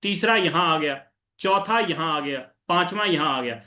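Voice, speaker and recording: A man's voice: a little high, normal speed, sharp tone, roomy sound. A man presenting an income plan over a screen share, repeating himself and answering his own questions while calling listeners sir.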